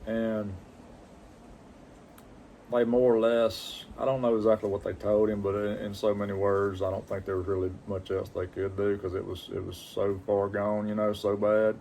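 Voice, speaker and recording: A man telling a personal story casually, in a plain-spoken, halting, reflective way. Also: on the low side, little pitch movement, gravelly, dark tone, slight background noise. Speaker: pipe-smoking vlogger.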